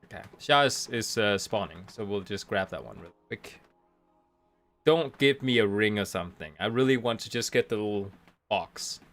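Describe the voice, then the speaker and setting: Speaking on the low side at a normal speed, this man's voice sounds a bit bright, though a slight cold makes it nasal. He rambles through casual live-stream commentary on a game, thinking aloud and restarting often. He's in a room at home, with rain audible outside.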